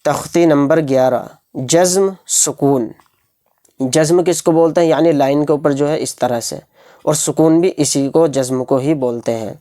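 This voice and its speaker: A man teaching a Quran reading lesson, who explains quickly and drills syllables slowly. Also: fairly high pitch, dark tone. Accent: Pakistani Urdu.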